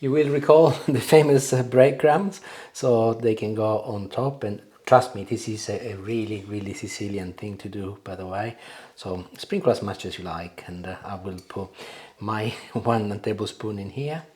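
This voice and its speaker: A man's voice: on the low side, normal speed, darkish tone. A man chatting casually as he demonstrates cooking, savouring the food. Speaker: cooking show host. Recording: clear background noise, kitchen clatter.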